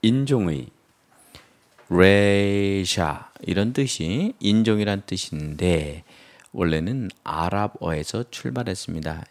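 A man teaching English vocabulary, explaining word roots and acting out example sentences with playful memory tricks. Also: deep voice. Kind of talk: lively vocabulary lecture.

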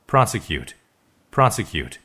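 A man reads out each vocabulary word twice, drawing it out very slowly. His voice is husky, and his pitch moves a lot even on a single word. It sounds like a deliberate pronunciation model. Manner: says each headword twice, slow and deliberate. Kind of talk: slow repeated word pronunciation.

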